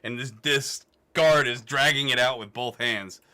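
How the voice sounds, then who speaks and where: Bright, crisp male game master, casual and crude, easy laughs. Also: medium pitch, unhurried. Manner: casual, swearing, laughing narration. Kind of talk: narrating a tabletop game.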